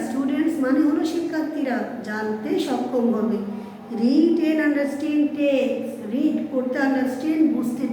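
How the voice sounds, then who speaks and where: A woman teacher with a Bangladeshi accent gives a recorded English lesson, reading English phrases slowly and explaining each word in Bengali, often asking whether students follow. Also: sits high, dark tone, a little hiss or hum. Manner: explains English words slowly in Bengali, asks checking questions. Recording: roomy echo with long reverb.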